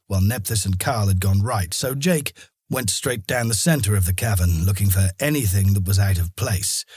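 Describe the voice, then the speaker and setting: A man narrating a fantasy audiobook in a steady storytelling manner. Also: on the low side, husky, no echo, studio quality. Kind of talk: scripted narration.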